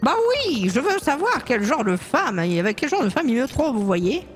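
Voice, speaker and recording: A woman's voice: fairly high pitch, big pitch swings, normal speed, soft background music. A woman voicing a worried older female café owner who suspects her husband, in a fan dub of a game scene, hesitant and fussy. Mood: insistent. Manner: hesitant, fussy, many sighing fillers.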